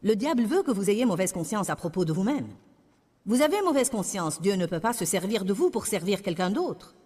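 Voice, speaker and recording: A woman's voice: mid-range voice, big pitch swings, a little fast, darkish tone, slightly rough, long reverb tail. A woman preaching a sermon in a French voice-over, with emphatic, repetitive declarations.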